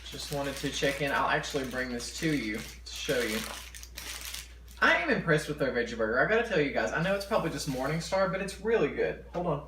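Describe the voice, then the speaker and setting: A man's voice: fairly high pitch, very animated, brisk, sharp tone. A man chatting casually to camera for an eating show, chewing while he talks in his home kitchen. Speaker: mukbang vlogger. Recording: echoey room with background noise.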